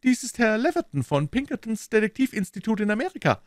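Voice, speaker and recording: A man voicing an eager, boastful male Scotland Yard detective in a much higher, louder voice. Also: sing-song, fast talker, no echo, clean studio sound. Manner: eager, boastful, high and loud.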